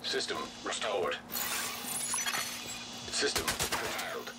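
Male game system voice, metallic robotic filter, flat clipped announcements, slow delivery, low pitch. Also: heavy background noise. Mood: cold. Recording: loud gunfire mixed over the voice.

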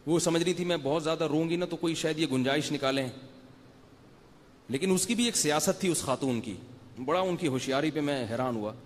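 Recorded with a big-room sound and a little hiss or hum, this man's fairly high voice carries an Islamic scholar's Ramadan night lecture. Talking conversationally to the live audience, he asks them rhetorical questions and tells anecdotes.

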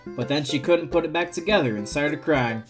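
A man hosting a gameplay video, reading a dating-sim script aloud with lively, chuckling reads of the lines. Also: on the high side, moderate pace. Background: game music.

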